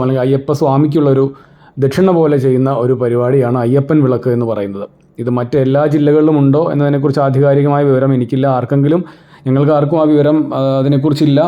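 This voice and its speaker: A man's voice: medium pitch, dark tone. A man from Kerala hosting a channel, giving an informal explanatory narration and addressing viewers directly. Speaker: channel host.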